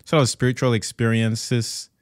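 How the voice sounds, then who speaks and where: A man from Cameroon hosting a casual interview, talking in a thoughtful, halting way and laughing often. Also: medium pitch, little pitch movement, dry recording, clean studio sound. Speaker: podcast host.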